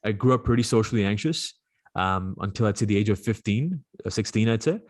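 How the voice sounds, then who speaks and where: A young man in his twenties from Dubai, a podcast guest talking casually and quickly with plenty of fillers. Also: lowish voice, expressive, a little mellow, no echo, studio quality. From Dubai, UAE. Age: 20s. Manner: rapid, chatty, frequent fillers. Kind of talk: casual interview conversation.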